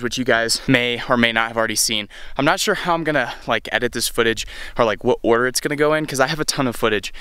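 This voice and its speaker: A man's voice: mid-range voice, clear, resonant tone, no echo. Chatty young man vlogging outdoors. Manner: chatty, excited, rambling with fillers. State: out of breath. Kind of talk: casual travel vlog. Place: mountain bike trail outdoors.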